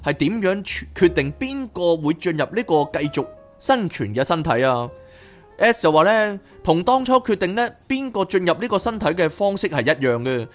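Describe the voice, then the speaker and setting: A man, pitched a little above the usual male range, reads a book aloud and then slips into lively, chatty asides. He carries the talk as podcast host, with soft music playing faintly underneath. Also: normal speed. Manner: animated, chatty asides between reading. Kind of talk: reading a book aloud with commentary.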